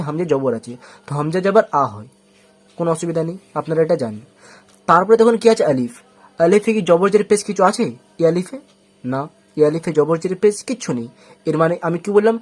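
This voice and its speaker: A man teaching Quran reading, going over each rule slowly and repeating it many times, asking questions and answering them himself. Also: sits high, a little mellow. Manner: patient, repeats rules slowly and often, asks and answers its own questions. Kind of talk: step-by-step spoken lesson.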